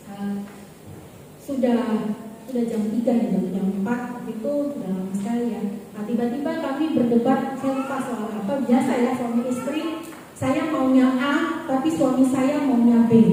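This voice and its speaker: A high-voiced woman pastor preaches in a relaxed, storytelling manner with a warm, mellow tone. Her voice comes from far off the mic and rings through a big echoing church hall with a long reverb tail. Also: slight background noise. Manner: conversational storytelling, frequent "ya" tags. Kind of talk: sermon.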